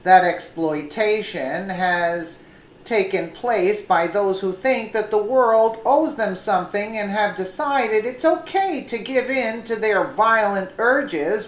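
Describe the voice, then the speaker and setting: A woman reads political news commentary at a very unhurried, measured pace, and her voice sits at an ordinary middle pitch. She stays deliberate and scripted. The room around her rings with noticeable echo. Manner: slow, deliberate reading with an occasional self-correction.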